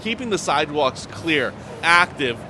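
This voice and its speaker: A man gives pointed political commentary while standing on a city street. He speaks emphatically, building to indignant peaks, in a slightly high voice. Loud traffic noise fills the background. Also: expressive, moderate pace. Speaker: local commentator.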